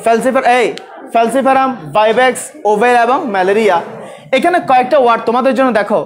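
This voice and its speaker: Fast-talking man drilling a class. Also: very high voice. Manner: drills students with repeated questions, scolds talkers. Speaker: biology teacher. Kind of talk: classroom lecture.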